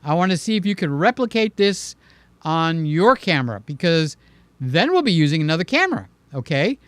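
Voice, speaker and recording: His voice sits on the high side, fairly bright, with big pitch swings at a normal speed. He runs a casual live stream and responds to viewers, emphatically capping each point with "okay?". A mic in front of him captures a dry recording.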